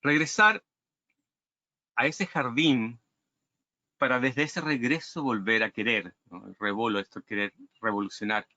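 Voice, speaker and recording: Bright-voiced man reading formal remarks. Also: medium pitch, measured pace, long pauses, no room sound, lo-fi sound. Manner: literary, rhetorical questions, quotes poetry. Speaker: book commentator.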